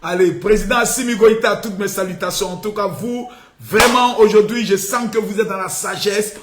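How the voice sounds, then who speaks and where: A man hosting a live stream, taunting and shouting in a theatrical, sing-song rant. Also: sits high, moderate pace. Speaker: political live-stream host. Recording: echoey room with faint noise.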